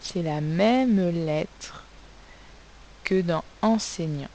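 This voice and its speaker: A woman's voice: lowish voice, extremely slow, dark tone, slight background noise, poor audio. A woman teaching a recorded phonics lesson to young pupils, spelling out sounds letter by letter. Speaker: primary school teacher.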